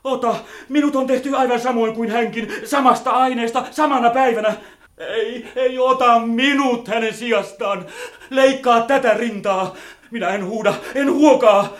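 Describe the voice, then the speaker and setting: A man's voice: very high-pitched, fairly even intonation, fairly bright tone, reverberant. A man playing a devoted young male robot in a radio play, earnest and pleading.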